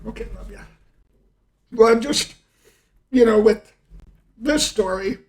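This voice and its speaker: A middle-aged man with a high voice speaks slowly in casual conversation, reminiscing and telling rambling stories that often trail off mid-thought. He is a podcast host and storyteller.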